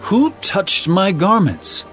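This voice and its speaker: Jesus, slow, commanding, expressive. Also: male voice, high-pitched, faint music behind, full character voice. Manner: solemn, authoritative, measured. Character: Jesus, commanding, compassionate male healer and teacher.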